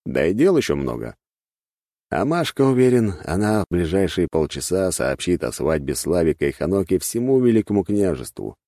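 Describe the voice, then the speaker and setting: Male audiobook narrator: deep, animated, wry; close dry mic. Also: brisk, few pauses, dry recording. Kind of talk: first-person audiobook narration.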